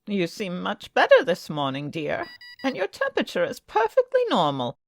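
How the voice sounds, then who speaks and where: A woman's voice: lowish voice, huge pitch swings, moderate pace, heavily acted. Swooping, fussy old Aunt May played by a woman. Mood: fussy, caring. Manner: fussing, motherly. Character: doting, fussy elderly aunt. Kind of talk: comic book dub voice acting.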